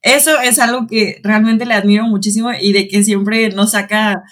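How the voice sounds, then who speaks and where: A young woman in casual chat, animated, laughing often and acting out quoted lines. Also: mid-range voice, normal speed.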